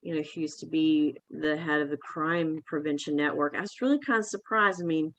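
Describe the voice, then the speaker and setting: A podcast co-host in casual discussion who speaks haltingly, restarting and repeating words. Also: mid-range voice, a bit bright, no echo, rough recording.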